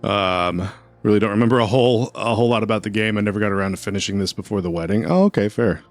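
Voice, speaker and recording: A man's voice: fairly low pitch, fast talker, no room sound. A man streaming a video game, chatting casually and rambling as he answers his chat. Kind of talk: casual gameplay commentary.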